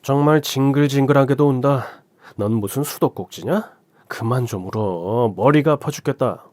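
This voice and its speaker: A man's voice: medium pitch, moderate pace, a little mellow, dry recording, natural voice. A man voicing a callous, scheming husband who speaks curtly and dismissively without feeling. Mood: cold, contemptuous. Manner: curt, dismissive, unfeeling.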